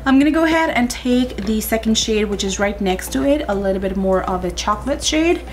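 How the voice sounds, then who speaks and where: A woman's voice: on the high side, animated, fairly quick, noisy background. A young woman chatting to her viewers as she walks through a makeup tutorial step by step. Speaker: beauty vlogger. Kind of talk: casual makeup tutorial chat.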